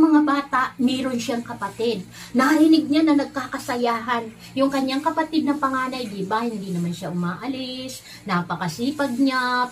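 A woman teaching Sunday school, telling a story to children in an animated way, often speaking to them directly and acting out the characters' lines. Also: high-pitched.

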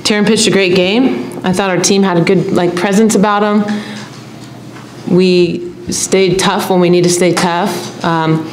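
A middle-aged woman coach speaks into a table microphone at a press conference, her voice low and her answers measured and steady. The room is echoey, and a faint hum sits underneath. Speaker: head coach. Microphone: table mic.

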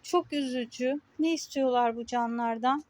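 A woman's voice: on the high side, moderate pace, darkish tone, no room sound. A woman vlogging outdoors in casual talk, speaking indignantly in short, emphatic, repeated phrases. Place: outdoors on a street.

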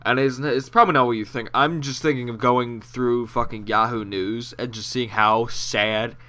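Sarcastic, profane young man, bright voice. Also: medium pitch, steady tone, normal speed. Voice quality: nasal. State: out of breath. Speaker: gaming commentator. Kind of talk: gameplay commentary rant.

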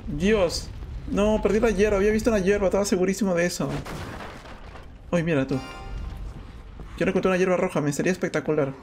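A man streaming a video game and commenting on it, excitable, often yelling and whining at the game. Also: high-pitched, fast talker, long pauses, soft background music. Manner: excitable, yells and whines at the game. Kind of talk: gameplay commentary.

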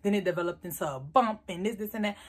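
A stern, worried mother, as her daughter puts her on, grills her child with question after question. The voice has a husky, breathy edge and stays close to the speaker's everyday tone. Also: mid-range voice, natural voice. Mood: scolding. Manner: rapid-fire questioning.

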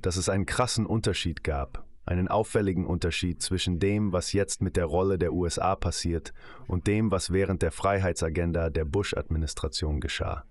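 Deep-voiced man dubbing an interview guest. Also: steady tone, brisk. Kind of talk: German voice-over of an interview.

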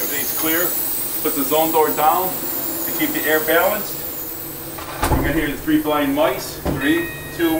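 A man who operates a film coating machine, walking through each step in a matter-of-fact, instructive way. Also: fairly high pitch. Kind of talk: explaining his work step by step. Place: large film coating room. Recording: distant mic in noisy factory.

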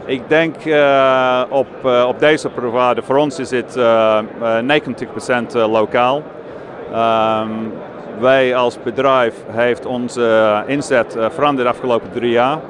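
A man in his forties from London, a native English speaker with an English accent, speaking haltingly in an interview on a handheld microphone. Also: mid-range voice, fairly even intonation, background noise. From London, England. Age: 40s. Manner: halting, searching for words in second language. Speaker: company director being interviewed. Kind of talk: on-camera trade fair interview. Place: busy indoor trade fair stand. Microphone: handheld interview microphone close below chin. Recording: clear bustle of busy exhibition hall behind.

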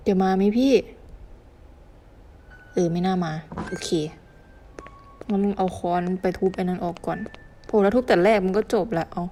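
A woman at a medium pitch narrates her mobile horror gameplay in a loose, chatty stream. She bursts into exclamations and curses, scolding the game as she goes. A faint noise sits behind her voice. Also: moderate pace, long pauses. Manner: excitable, swears and scolds the game; chatty running self-talk with sudden exclamations. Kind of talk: casual gameplay commentary.

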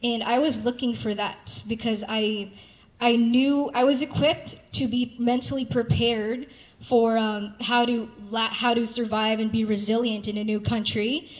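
A young woman from Saudi Arabia, speaking casually at a live event to introduce a song, relaxed, with fillers and restarts. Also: a little high, a little slow, low-quality recording. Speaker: singer-songwriter introducing a song. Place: dim rooftop event room with city windows. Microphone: handheld mic, filmed by a far camera.

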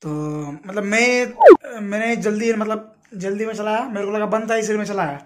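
Speaking at normal speed in a voice that sits high, a young man vlogs casually, talking to viewers as if they were friends. He records on a phone at arm's length in and around his home, inside and out, and the handheld sound is noisy.

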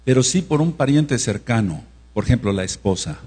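A man from Mexico giving a teaching sermon as pastor, who checks in with the congregation and slowly spells out words. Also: medium pitch, expressive, mellow, breathy edge. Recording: reverberant hall with mains hum.

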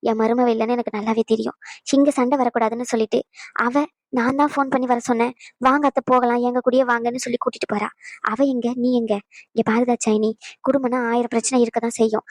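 A woman's voice: on the high side, darkish tone, dry recording, natural voice. A woman voicing an elderly grandmother in a cartoon, speaking steadily and reproachfully as she lectures her grown daughter. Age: older. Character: elderly grandmother, calm, firm, leaving home. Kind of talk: cartoon voice acting.

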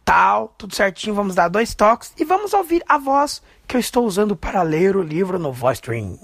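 A man casually explaining a phone app step by step in a relaxed, chatty way. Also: sits high, moderate pace, gravelly. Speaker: tutorial presenter. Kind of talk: casual spoken tutorial.

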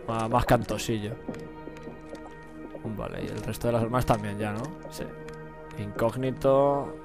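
A man's voice: on the low side, fairly even intonation, measured pace, vocal fry, over music, rough recording. A young man with a Spain Spanish accent, giving slangy, profane live gameplay commentary and laughing often. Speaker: gaming streamer.

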